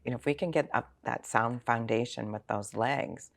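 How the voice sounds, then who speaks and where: In an interview, this sixty-year-old financial planner answers conversationally, explaining informally through examples and rhetorical questions. Her voice rumbles low with a gravelly texture at a normal speed.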